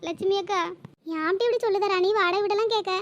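A woman voicing a caring elder sister-figure in a cartoon, who coaxes and scolds with a very high, squeaky voice. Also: steady tone, quick pace, lo-fi sound. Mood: coaxing, fussing. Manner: fussing, coaxing, motherly scolding. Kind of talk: cartoon voice acting.

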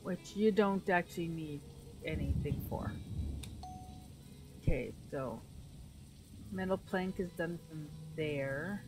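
A woman with a low voice talks to herself through her gameplay as she streams, speaking slowly with long pauses and frequent restarts. She is losing her voice, music plays in the background, and the audio is poor.

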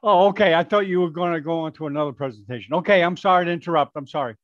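An older man hosts a live webcast, introducing his guest in a loose, chatty way full of fillers and restarts. His voice sits a little high. The headset sound is bone-dry and muffled, like typical video-call audio. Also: racing, no echo. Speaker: host.

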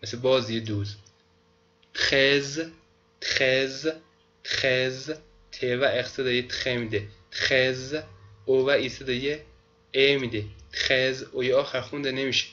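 Guy teaching french, repeats every word slow, sharp tone, kinda dull audio. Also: medium pitch, little pitch movement. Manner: slow repetitive drilling of pronunciation. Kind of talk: online language lesson.

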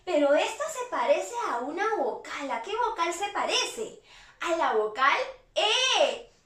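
Sing-song high-voiced woman teacher. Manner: sing-song, animated, drawn-out answers. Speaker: preschool teacher. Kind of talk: online lesson for young children. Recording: roomy sound from a distance.

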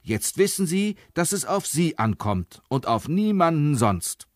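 A male reader voicing an orderly, upbeat street sweeper who talks in a brisk, methodical way. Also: a little high, sing-song, no echo, studio quality, voice pushed up. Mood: cheerful.

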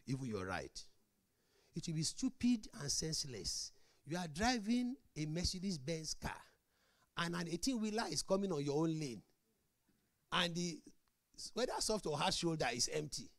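A man's voice: a little high, dry recording, clean studio sound. A middle-aged man, a pastor preaching a marriage sermon who tells stories and acts out both sides of conversations. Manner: animated storytelling, acts out both sides of dialogues.

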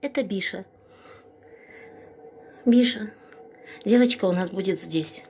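In a slow, mellow, husky voice of medium pitch, a middle-aged animal rescuer suffering from bronchitis speaks earnestly to viewers and tenderly to sick puppies. It's a casual appeal filmed on a phone indoors, at a veterinary clinic and in a room at home.

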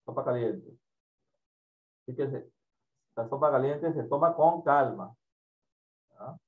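A male teacher running an online class for children, patient and repetitive, often trailing off into quiet mumbling, with a Peruvian Spanish accent. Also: medium pitch, measured pace. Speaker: primary school teacher. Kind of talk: online class, casual instructions. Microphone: computer mic on video call. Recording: dull lo-fi call audio.

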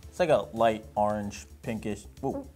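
A man's voice: fairly low pitch, lively intonation, moderate pace, darkish tone, faint music behind. Joking, rambling man unboxing a drink. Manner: joking, rambling, self-deprecating. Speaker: host. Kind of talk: casual unboxing chat.

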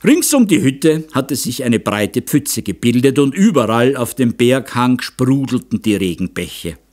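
A man reading a novel as an audiobook narrator, with expressive storytelling. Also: medium pitch, measured pace. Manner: expressive storytelling, varied intonation.

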